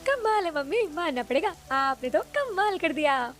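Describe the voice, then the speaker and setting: A woman voicing an eager young daughter in a cartoon story, who asks questions in a high voice. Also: sing-song, moderate pace, fairly bright tone, soft background music.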